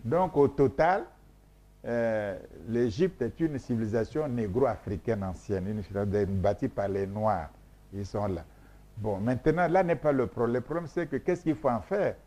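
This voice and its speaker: Interviewed about his research, this man from Congo, a native Mboshi speaker, lectures emphatically, repeats himself and hesitates a lot. He speaks at an ordinary pace, and his medium-pitched voice is dark and mellow.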